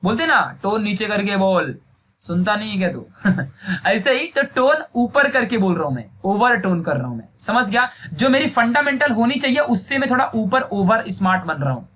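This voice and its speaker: A man's voice: sits high, very animated, normal speed, sharp tone. A young man teaching a physics lesson, talking in a chatty way and often checking that students follow. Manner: chatty, repeats checks like "samajh gaya?". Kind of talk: Hindi classroom video lesson. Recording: faint background noise.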